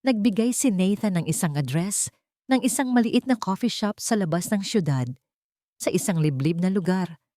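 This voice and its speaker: A woman with a Filipino accent narrates a scripted drama as an audiobook, using a dramatic storytelling style. Her mid-range voice is a little mellow, and the recording is dry with clean studio sound.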